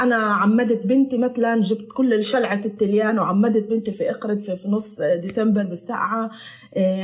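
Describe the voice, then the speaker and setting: A woman's voice: medium pitch, a little mellow. A woman with a Palestinian Arabic accent chatting casually as an interview guest, dropping foreign words into her Arabic. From Palestinian from the Galilee. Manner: mixes English and Italian words into Arabic. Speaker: podcast guest.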